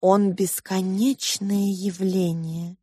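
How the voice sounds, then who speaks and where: A woman voicing a wise, sorrowful female pink mouse who speaks in a slow, measured, cryptic way. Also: mid-range voice, flat delivery, mellow, husky, dry recording, clean studio sound.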